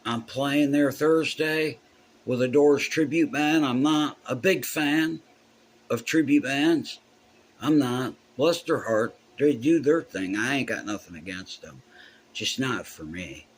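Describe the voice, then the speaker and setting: A man's voice: mid-range voice, a little hiss or hum. A man, a musician telling a heartfelt, profane story in a casual way.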